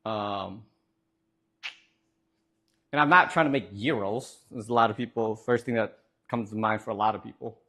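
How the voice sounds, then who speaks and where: A man's voice: on the low side, moderate pace, long pauses, pushed and bright. A young man streaming live, chatting casually with viewers in a joking, rambling way with lots of fillers.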